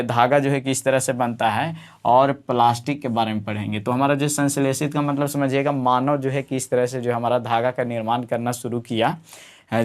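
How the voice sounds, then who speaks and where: Rambling Hindi-speaking science teacher. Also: male voice, medium pitch, clear, resonant tone. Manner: rambling, many fillers and tag questions. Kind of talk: casual classroom explanation.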